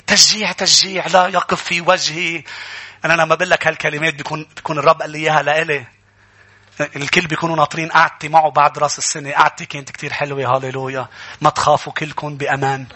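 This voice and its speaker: A man's voice: on the high side, bright, forceful tone, slightly rough. A man with a Lebanese accent preaching a sermon to his church congregation, emphatic and rousing, often calling out to the listeners. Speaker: pastor.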